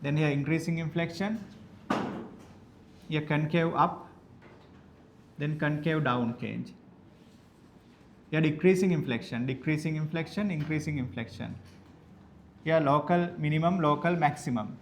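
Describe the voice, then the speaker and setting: A male maths teacher, dictating lecture notes slowly and repeating each phrase so students can write it down. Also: fairly high pitch, a little hiss or hum. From Sri Lanka. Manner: repeats phrases slowly for note-taking, spells words out.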